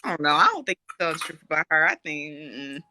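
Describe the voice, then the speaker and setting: A woman's voice: deep voice, fast, pushed and bright, slight background noise. A woman in casual chat, playful and teasing, laughing often.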